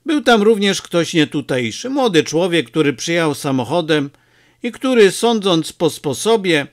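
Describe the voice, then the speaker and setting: A man reading a novel aloud as an audiobook narrator, telling the story in an expressive, measured way. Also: a little high.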